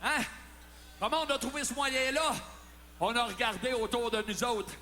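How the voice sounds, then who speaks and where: A man with a Quebec French accent doing loud, swearing, mock-serious comedic banter between songs at a live concert. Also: extremely high pitch, moderate pace, big-room sound, a little hiss or hum. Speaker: singer and frontman. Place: concert venue stage.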